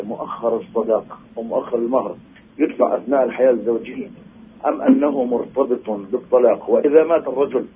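A man calls a radio show and lays out his questions in careful, formal phrasing. He talks quickly, and the line is tinny with light noise behind him. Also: medium pitch. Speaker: caller to a radio programme. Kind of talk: careful question-asking in mostly formal Arabic. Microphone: telephone. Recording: noisy narrow phone line on radio.

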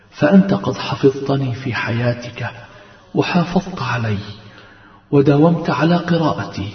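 A man voicing a gentle glowing spirit that speaks softly and calmly to reassure the dead. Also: mid-range voice, lightly acted. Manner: hushed, calm and soothing. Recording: roomy, dull lo-fi recording.

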